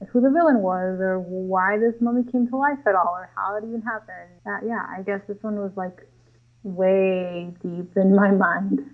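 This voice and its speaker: A woman's voice: medium pitch, narrow, tinny audio. A young woman co-hosting a podcast, chatting about a movie in an easygoing, rambling way. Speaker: podcast co-host. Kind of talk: casual movie review chat.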